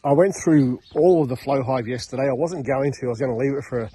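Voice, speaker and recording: A middle-aged man with a mellow, dark voice chats casually in a laid-back vlog. He speaks in a plain, colloquial way at an ordinary pitch. He is outdoors on a handheld phone, with bees buzzing by the hives. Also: fast, husky. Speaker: hobby beekeeper vlogger. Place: outdoors in a rural yard among beehives. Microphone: handheld phone camera at arm's length.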